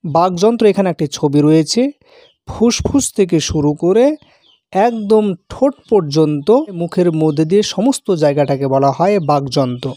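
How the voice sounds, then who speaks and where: A man teaching grammar in a slow, deliberate classroom manner. He breaks words into syllables and counts them aloud. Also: fairly high pitch, warm tone, no echo, clean studio sound. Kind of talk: classroom-style grammar lesson.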